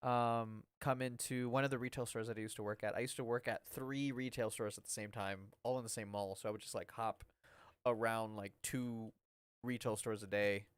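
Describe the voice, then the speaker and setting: A man's voice: medium pitch, fairly even intonation, normal speed, clean tone, dry recording. A young man casually chatting on a live game stream, rambling with lots of "like" and "um". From Mexican-American. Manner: rambling and chatty, full of "like" and "um", laughing often.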